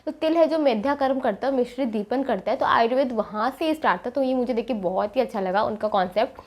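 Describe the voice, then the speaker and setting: Young woman student talking thru her routine, kinda high voice, pauses to think a lot. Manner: steady and explanatory, with frequent pauses to think. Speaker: Ayurveda medical student. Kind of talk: casual explanatory vlog.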